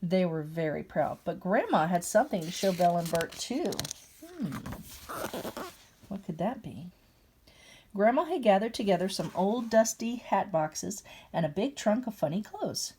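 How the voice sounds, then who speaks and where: A woman's voice: medium pitch, a little slow, slight background noise. Older woman reading a storybook aloud. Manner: animated, chatty asides. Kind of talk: storybook read-aloud with asides.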